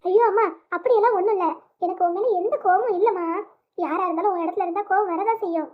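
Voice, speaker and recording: A performer voicing a gentle, apologetic young woman who pleads softly through tears. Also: very high voice, fast talker. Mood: pleading. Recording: tinny phone-like sound.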